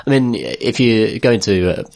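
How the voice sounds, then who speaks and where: A man co-hosting a casual chat, talking quickly with stumbling restarts and easy laughter. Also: on the low side, very animated, creaky, darkish tone. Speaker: podcast co-host.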